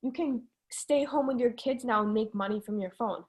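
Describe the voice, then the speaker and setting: A woman's voice: on the high side, moderate pace, a little mellow. Encouraging woman hosting a video call. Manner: encouraging, emphatic pep talk. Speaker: host. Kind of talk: motivational talk on a video call. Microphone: video call microphone.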